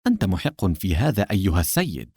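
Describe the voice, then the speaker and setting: A man doing a sly, smug gentleman from an audiobook, coldly polite and smooth. His voice sits low and moves lively up and down. The sound is dry and close. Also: quick pace, no echo. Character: smug, sly older male collector and official.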